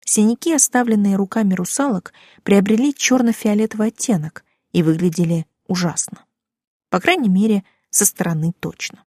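A woman narrating first-person fiction in a lively, expressive reading voice. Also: mid-range voice, moderate pace, dry recording, clean studio sound. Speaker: audiobook narrator.

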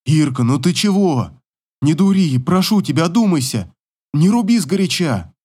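A man's voice: fairly high pitch, big pitch swings, normal speed, slightly rough, voice pushed up. A man doing a furious, desperate husband. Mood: pleading. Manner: shouting, pleading, accusing. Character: angry, desperate husband refusing divorce.

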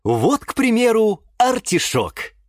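A man's voice: mid-range voice, huge pitch swings, unhurried, dry recording, clean studio sound. A man reading a children's audiobook voices a cheerful male TV cooking-show host with upbeat presenter patter.

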